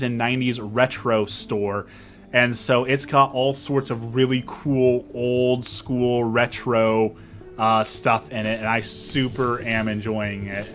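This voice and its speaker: A young man streaming and chatting casually with his viewers, animated and self-mocking as he tells stories. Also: mid-range voice. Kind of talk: casual chat with live chat.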